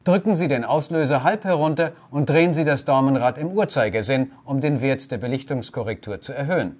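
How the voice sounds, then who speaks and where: A man's voice: medium pitch, a little fast, darkish tone. A man narrating a scripted camera tutorial, giving formal, polite step-by-step instructions. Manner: formal, addresses listener politely.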